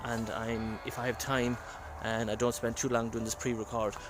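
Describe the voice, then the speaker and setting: An Irish man, a paranormal investigator and channel host, casually narrates an investigation at a castle and in the woods, calling out questions and often repeating his phrases. His mid-range voice is flat and at normal speed, recorded on a phone with background noise.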